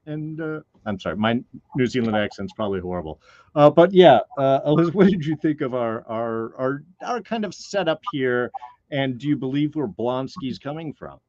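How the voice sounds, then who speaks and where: A man's voice: medium pitch, expressive, normal speed, darkish tone, dry recording, lo-fi sound. A man hosting a casual review podcast, rambling and hedging with lots of fillers. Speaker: podcast host.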